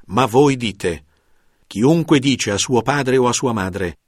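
A man reading the words of Jesus as a calm male teacher in a measured, solemn scripture reading. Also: medium pitch, no room sound, studio quality.

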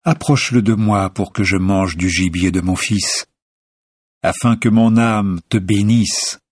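A man voicing an elderly blind father giving a blessing, in a measured, solemn manner. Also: fairly low pitch, fairly even intonation, slightly rough, no echo, clean studio sound. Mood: questioning.

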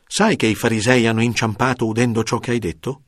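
A man's voice: medium pitch, little pitch movement, quick pace, no echo, clean studio sound, close to an everyday voice. A man reading the lines of a puzzled group of male disciples in a plain scripture reading. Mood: questioning.

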